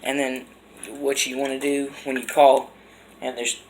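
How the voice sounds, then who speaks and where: A man giving an informal how-to demonstration as an instructor, explaining in a halting, unpolished way. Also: mid-range voice, level tone, background noise. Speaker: instructor demonstrating duck and goose calls.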